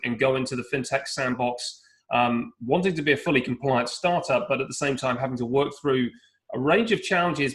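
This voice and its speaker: A man from London speaking on a panel discussion over a video call, measured, with frequent restarts and hedges. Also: mid-range voice, fairly bright tone, rough recording. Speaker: panelist, startup founder.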